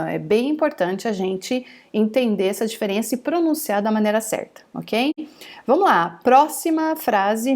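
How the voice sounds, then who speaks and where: A woman gives an online French lesson from home. Her voice sits a little high, and she speaks slowly and deliberately. She models each phrase twice before she explains it. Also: darkish tone. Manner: slow, careful modelling of phrases, repeated twice. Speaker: French teacher.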